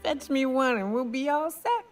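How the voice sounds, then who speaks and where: An actress playing a drunk, boastful big game hunter in a video game, with a rambling, tipsy barfly drawl. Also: female voice, sits high, animated, normal speed, soft background music. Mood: tipsy, coaxing.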